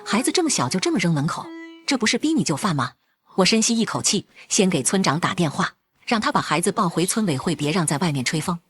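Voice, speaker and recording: A woman's voice: fairly low pitch, big pitch swings, fast. A woman narrating a first-person drama in a cold, blunt and firm way.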